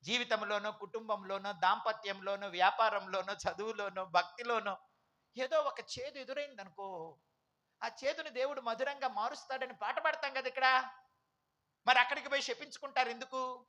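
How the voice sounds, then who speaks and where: A man's voice: very high-pitched, moderate pace, bright, forceful tone. A man preaching a sermon as pastor, emphatic, with repeated phrases and rhetorical questions.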